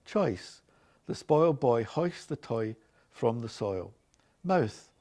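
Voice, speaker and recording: Scottish guy from glasgow, late 60s, soft dark tone, mid pitch. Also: expressive, takes it slowly. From Glasgow, Scotland. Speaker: organist. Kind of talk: reading accent sample passages and word lists aloud; casual chat about his own life.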